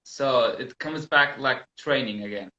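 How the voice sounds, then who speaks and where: A man's voice: mid-range voice, measured pace, sharp tone, roomy sound, lo-fi sound. A man from southern Kurdistan, a native Kurdish speaker with a Kurdish accent, interviewing a guest casually about language learning. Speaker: interviewer, English-teaching host.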